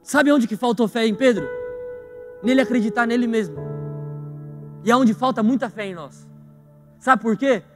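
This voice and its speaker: A young Brazilian pastor with a strikingly high voice, preaching with animated energy and firing question after question at his listeners. Soft music plays faintly underneath in the church hall. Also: normal speed, pauses often. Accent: Brazilian Portuguese. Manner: animated, asks the congregation questions often. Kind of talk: lively sermon.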